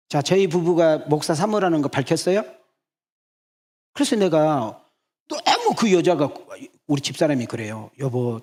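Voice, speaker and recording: A man preaching as senior pastor, telling stories and calling out to the congregation in a lively way. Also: fairly high pitch, slightly rough. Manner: animated, calls out to the congregation and acts out quoted lines. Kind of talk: sermon with storytelling. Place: church sanctuary.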